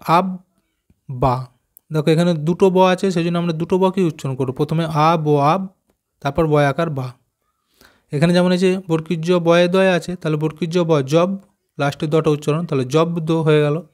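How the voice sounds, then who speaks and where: A man's voice: on the high side, a little mellow. A man teaching young children from a schoolbook, spelling words out letter by letter and asking them questions as he goes. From West Bengal, India. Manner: slow, careful spelling out of letters, asks pupils questions. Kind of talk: explaining a primary school textbook.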